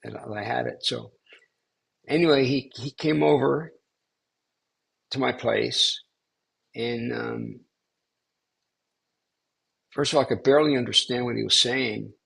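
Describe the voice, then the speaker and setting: Older male spiritual teacher, raspy and gravelly, relaxed rambling storyteller. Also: mid-range voice. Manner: rambling, halting, with many restarts and fillers. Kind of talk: casual storytelling in a class.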